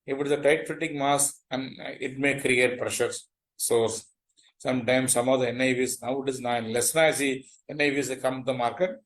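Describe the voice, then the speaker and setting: Halting male doctor, South Indian accent. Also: medium pitch, steady tone, fairly bright tone, poor audio. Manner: halting, repetitive, polite. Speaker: doctor giving a medical lecture. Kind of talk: webinar lecture and question answering.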